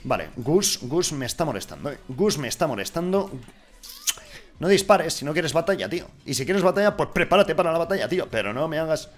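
A young man from giving casual, excitable gameplay commentary, swearing and swinging from mutters to shouts. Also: on the high side, brisk. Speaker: gaming YouTuber.

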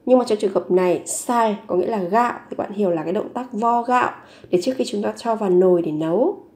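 A woman teaching a vocabulary lesson, saying each word three times slowly before explaining it. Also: mid-range voice, darkish tone. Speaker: language teacher.

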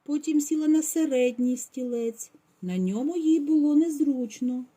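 A woman's voice: high voice, normal speed, warm tone. A woman kindergarten teacher reading a fairy tale aloud with dramatic expression, then quizzing the children on it.

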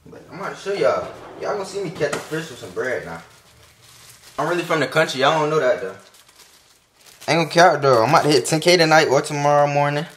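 A young man in his early adult years records a casual vlog outdoors on his phone, with a little hiss or hum in the audio. His voice is a little high and a bit bright, animated and quick, as he rambles encouragingly in slang.

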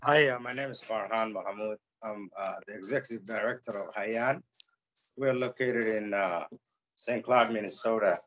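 A man's voice: lowish voice, normal speed, fairly bright tone. A man introducing himself on a video call, hesitant and using fillers. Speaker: nonprofit executive director. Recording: dull lo-fi audio with clear background noise.

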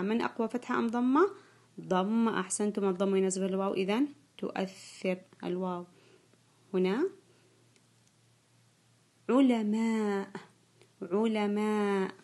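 A woman teaching an online grammar lesson to young pupils, repeating key words slowly and praising often. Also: medium pitch, a little mellow. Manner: slow, drawn-out repetition of key words; frequent praise and quiz questions to pupils. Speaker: primary school teacher.

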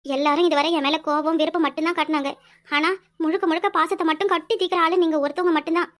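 A woman voicing a young, pregnant village wife in a cartoon who is tender and teasing, speaking with a southern Tamil accent in a high, sing-song way. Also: flat delivery, fast, a bit bright. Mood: tearful. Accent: southern Tamil (Tirunelveli). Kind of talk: cartoon voice acting.

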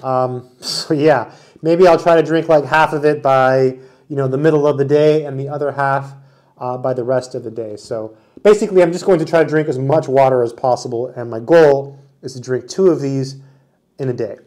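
A man's voice: medium pitch, normal speed, darkish tone. A man in his forties doing a casual, enthusiastic product review, talking while he handles and demonstrates the item indoors. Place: small indoor room with wood-panel wall.

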